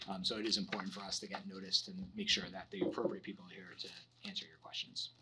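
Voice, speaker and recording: A man's voice: sits low, little pitch movement, very fast, very noisy. A man on city staff explaining council rules at an orientation in a council chamber, with many ums. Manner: explanatory, filler-heavy with frequent um. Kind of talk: orientation briefing.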